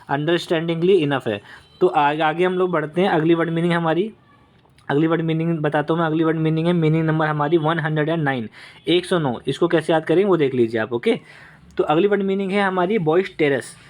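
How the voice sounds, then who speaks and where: Brief: young male tutor, somewhat high voice, repetitive coaching lesson delivery. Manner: repetitive, checks in with "okay" and "right". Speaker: vocabulary teacher.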